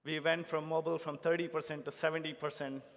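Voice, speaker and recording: A man's voice: on the high side, little pitch movement, fast. A man giving a keynote podium speech, addressing an audience in short, emphatic, separated phrases. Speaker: company technology chief giving a keynote. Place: large conference hall stage. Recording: long hall reverb from stage PA.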